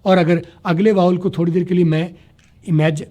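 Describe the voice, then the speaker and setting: A man teaching spoken English to a class, spelling words letter by letter, slowing down to model sounds and checking that students follow. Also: sits high, steady tone, dark tone. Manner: slows down to demonstrate pronunciation. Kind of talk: classroom lecture.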